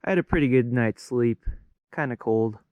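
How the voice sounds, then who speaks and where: A young man narrating to his viewers in a casual, chatty way while out on a remote mountain slope. His voice sits at an ordinary middle pitch, and he walks through each thing he finds with easy explanations. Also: moderate pace, no echo, phone-quality sound. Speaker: outdoor explorer and vlogger.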